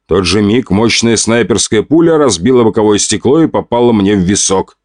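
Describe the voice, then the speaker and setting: A man narrating an audiobook in the first person with lively, expressive storytelling. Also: fairly low pitch, brisk, no echo, studio quality.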